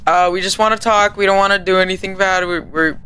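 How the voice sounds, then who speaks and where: A male streamer chatting casually with friends while playing a horror game, excitable and joking, often repeating himself. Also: high-pitched, fast, clean tone. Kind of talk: casual gameplay chat with friends.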